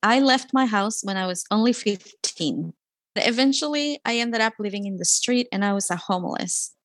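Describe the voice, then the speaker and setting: A woman's voice: medium pitch, lively intonation, moderate pace, no echo. Chilean woman, dry close sound. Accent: Chilean Spanish. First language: Spanish. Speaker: interviewee. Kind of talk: personal storytelling.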